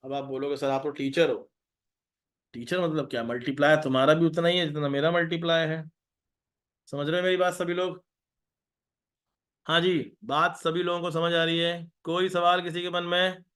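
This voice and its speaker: An Indian male math teacher running a live online class, with a fairly high voice. He coaxes his students along and repeats his instructions. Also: fairly even intonation, normal speed, fairly bright tone, clear, resonant tone.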